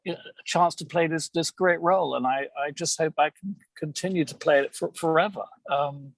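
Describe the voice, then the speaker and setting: A podcast guest, lead voice actor of an audio theater show, talks casually and gushingly from a moving car's passenger seat, frequently repeating words. He speaks a little fast in a slightly high, creaky voice.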